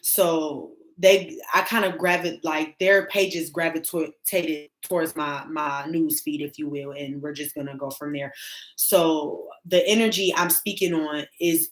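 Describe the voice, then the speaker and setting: A woman of thirty with a low voice talks casually as a tarot reader. She hesitates a lot, with many fillers and restarts as she works through her thoughts. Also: fairly even intonation, moderate pace, low-quality recording. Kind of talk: casual spiritual vlog chat.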